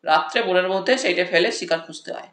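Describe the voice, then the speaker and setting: Lively woman narrating a comic story. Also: fairly low pitch, quick pace. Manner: lively first-person storytelling, acts out the characters. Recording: roomy echo.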